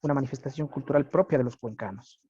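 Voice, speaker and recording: A man delivers a classroom lecture in a fast, warm, mid-range voice with a breathy edge, frequently asking his students "right?" to check their understanding. He is a teacher, and the recording is muffled and lo-fi.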